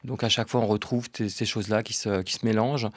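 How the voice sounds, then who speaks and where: A man's voice: on the low side, fairly even intonation, fast talker, slightly rough, no room sound. A man in his fifties from Brittany, answering radio interview questions hesitantly, with many fillers and repeated words. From Brittany, France. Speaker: guest artist.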